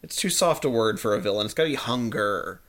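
Giggly, halting man on a podcast. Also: on the low side, animated, a bit bright. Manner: giggly, halting, often acting out silly voices. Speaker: podcast co-host. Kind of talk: casual chat about a TV episode.

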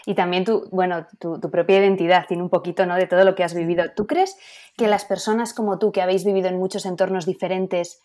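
A woman's voice: on the low side, steady tone, fast, darkish tone. A woman hosting an interview podcast who asks thoughtful, probing questions of her guest. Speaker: podcast host.

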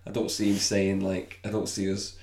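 A man's voice: sits low, completely flat delivery, normal speed, vocal fry, a little mellow. A man co-hosting a podcast in casual football chat, hesitant, often repeating himself and trailing off. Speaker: podcast co-host.

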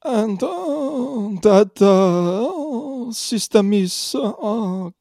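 A man's voice: high-pitched, lively intonation, drawn-out words, creaky, dark tone, pitched above the performer's own voice, exaggerated voice. A man voicing a dim, hesitant competitive eater who stumbles over his words. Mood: confused.

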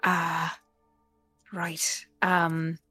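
A woman player improvises casual chat in a tabletop game. Her voice is bright and closely, dryly recorded, and she speaks hesitantly, feeling her way through each phrase. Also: fairly low pitch, completely flat delivery, extremely slow, breathy edge, no room sound, faint music behind. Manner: hesitant, tentative.

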